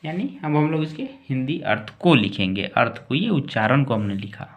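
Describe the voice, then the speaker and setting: A man teaching English words in a slow lesson, spelling each word out letter by letter and repeating it. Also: mid-range voice, animated, highs cut off.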